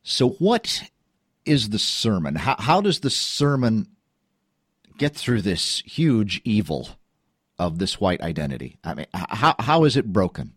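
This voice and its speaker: A man's voice: fairly low pitch, sing-song, unhurried, husky, no room sound, studio quality. A man hosting a radio interview, asking thoughtful, probing questions with some stammered restarts. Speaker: radio host.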